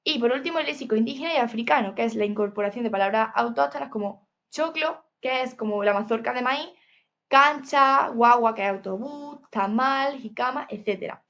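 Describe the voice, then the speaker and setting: A woman's voice: fairly high pitch, fairly quick, fairly bright tone. A woman with a Spain Spanish accent gives a lecture from slides, reading steadily and adding "eh" and "¿vale?" asides. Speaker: teacher presenting a topic.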